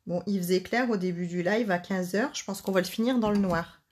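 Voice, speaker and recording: A woman's voice: medium pitch, fairly quick, darkish tone, breathy edge. Chatty woman demonstrating card crafts. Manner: chatty, joking asides to viewers. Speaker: card-making live host.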